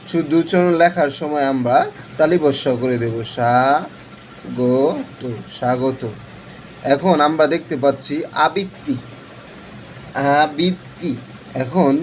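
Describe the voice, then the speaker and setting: Slow-explaining male teacher. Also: on the high side, a little mellow, low-quality recording. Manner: slow, repetitive explaining with frequent fillers. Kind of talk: online Bangla pronunciation lesson. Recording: faint background noise.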